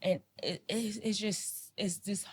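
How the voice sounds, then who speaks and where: Speaking slowly in a medium-pitched voice with a breathy edge and fairly even intonation, a woman co-hosts an earnest podcast. She pleads with listeners passionately and repeats herself.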